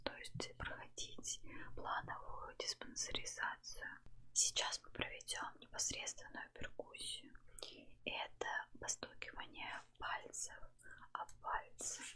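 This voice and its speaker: A woman playing a calm, attentive doctor in a whispered role-play, breathily instructing the listener as her patient without hurry. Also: extremely high pitch, full character voice. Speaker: ASMR performer playing a doctor.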